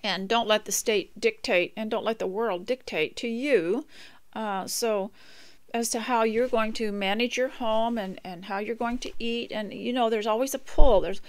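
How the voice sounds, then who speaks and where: A woman's voice: a little high, normal speed. Older woman hosting a rambling homemaking talk. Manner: rambling, gentle, with frequent restarts and asides. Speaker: homemaking radio host. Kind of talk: casual homemaking talk with poem reading.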